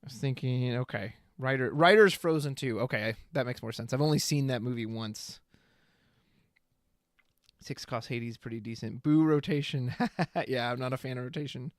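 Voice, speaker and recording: A man's voice: mid-range voice, normal speed, no room sound, studio quality. A man streaming live, casually thinking aloud as he reads card text and chat comments. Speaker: streamer reviewing trading card spoilers.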